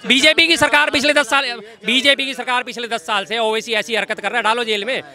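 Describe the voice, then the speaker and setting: A man in a heated street debate, talking forcefully and repeating his points as he lectures. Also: very high-pitched, steady tone, brisk.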